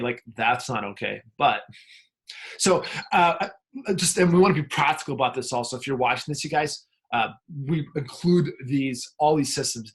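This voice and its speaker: A man, a coach and co-host, talking candidly in casual conversation, often laughing. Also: medium pitch.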